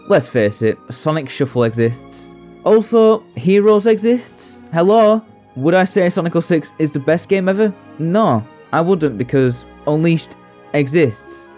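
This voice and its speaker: A young male video essay host with a fairly high, darkish voice gives scripted commentary laced with sarcasm, swearing, jokes and mock exasperation. Background music accompanies this indoor voice-over.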